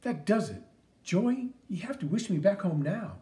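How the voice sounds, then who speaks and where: A man reading an audiobook, voicing an earnest heroic flying cartoon mouse with a steady, confident, encouraging manner. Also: high voice, normal speed.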